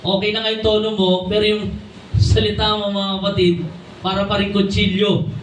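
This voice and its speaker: A young Filipino man preaches a sermon, his voice sitting high. He keeps addressing the congregation with tag questions and slows down for the key English phrases. The recording is roomy and picked up from a distance, with a faint room hum behind him. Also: level tone. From Philippines. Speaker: church preacher. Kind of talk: sermon mixing Tagalog and English. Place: church hall. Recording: echoey room from a distant mic.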